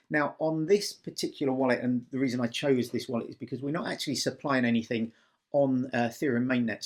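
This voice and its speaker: A man's voice: medium pitch, a little mellow. A man giving a casual, step-by-step screen-recording walkthrough in an explanatory manner as a tutorial presenter.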